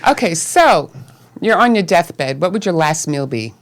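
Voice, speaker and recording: A woman hosting a casual interview, chatty and quick to laugh. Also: lowish voice, very animated. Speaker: host.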